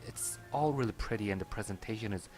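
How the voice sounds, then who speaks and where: A man's voice: on the low side, quick pace, a little mellow. A man giving casual, musing gameplay commentary, somewhat hesitant. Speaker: game commentator. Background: faint game music.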